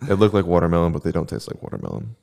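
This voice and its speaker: Man, very low voice, laid-back rambling podcast chat. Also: very animated, very fast, creaky, darkish tone. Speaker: podcast host. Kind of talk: casual chat.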